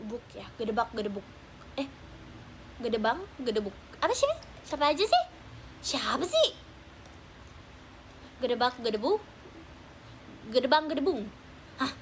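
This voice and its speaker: A woman's voice: high voice, expressive, measured pace, long pauses, slight background noise. A teenage girl hosting a casual livestream chat with fans, playful and teasing, talking at home at night. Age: teens. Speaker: idol livestream host.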